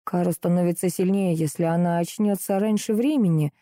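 A woman reading the lines of a calm, serious young male dark mage, explaining in a level, steady way. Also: lowish voice, brisk, no echo, clean studio sound, lightly acted. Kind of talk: audiobook character reading.

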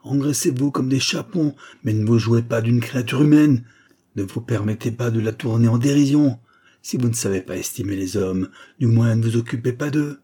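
A man's voice: mid-range voice, fairly quick, few pauses, mellow, breathy edge, close to an everyday voice. A man voicing a bitter, grieving male doctor who lashes out indignantly, hammering each word. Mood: furious, contemptuous.

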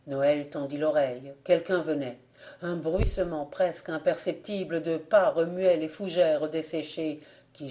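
A man narrating an audiobook of an old folk tale in a slow, measured and dramatic way. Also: on the high side, dark tone. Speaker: audiobook reader.

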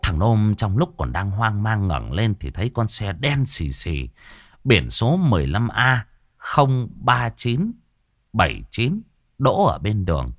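A man narrating a ghost story in an expressive, dramatic way. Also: fairly low pitch, slow pace, dry recording, studio quality.

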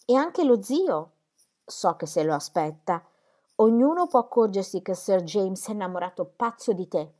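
A woman reading aloud and voicing Celia, a sharp, teasing young woman who talks in a quick, insistent way. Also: medium pitch, lively intonation, lightly acted. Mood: needling.

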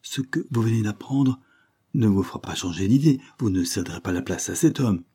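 A man reading the lines of a proud young wife, soft and earnest. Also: fairly low pitch, expressive, brisk, slightly rough. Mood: tender.

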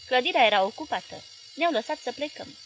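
A woman voicing a lively, clever young male journalist who reports events in a brisk, animated way. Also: sits high, a little hiss or hum, voice pushed up.

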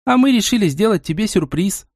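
A male narrator voicing a teasing, lively teenage girl, the hero's sister, in an audiobook. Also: high-pitched, fairly quick, no room sound, studio quality, voice pushed up. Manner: teasing, bubbly.

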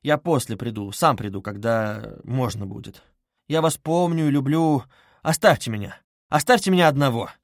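A brooding young man speaks in low, halting phrases, grim and curt, as a man narrating puts him on. The voice stays muted and heavy. It is a dry, close audiobook reading. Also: no echo, natural voice. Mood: grim resolve.

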